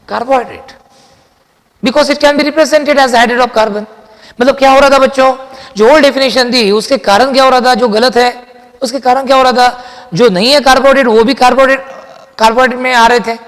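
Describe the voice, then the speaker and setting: A man teaching chemistry in a classroom lecture, mixing Hindi and English, asking and answering his own questions and repeating key sentences slowly for dictation. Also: very high voice, a bit bright, big-room sound. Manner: addresses students as children, asks and answers his own questions.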